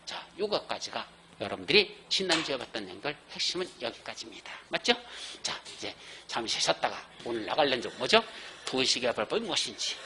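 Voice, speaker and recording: A male exam-prep instructor giving a classroom lecture, quizzing students with questions he then answers himself and slowing down on key points. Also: medium pitch, very animated, pushed and bright, slight background noise.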